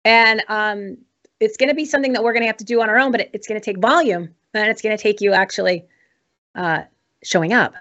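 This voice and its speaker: A woman's voice: mid-range voice, fast talker, a bit bright. Dull-sounding recording of an exhorting American woman. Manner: exhorting, emphatic. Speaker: host of a political talk show. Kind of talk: informal political commentary. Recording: dull, muffled lo-fi audio.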